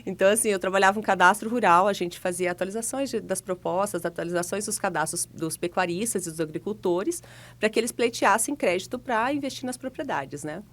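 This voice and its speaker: A woman in her forties from Paraná, Brazil, a guest telling her story in a relaxed, chatty way with easy laughs. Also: mid-range voice, fairly quick. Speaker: guest, financial consultant. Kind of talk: relaxed interview conversation.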